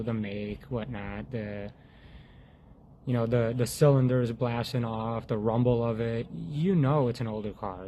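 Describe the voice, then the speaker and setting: A man giving an earnest, halting personal testimony about faith, often restarting his sentences and sinking to a hush when he quotes his prayers. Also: medium pitch, highs cut off, slight background noise. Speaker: faith vlogger sharing a testimony.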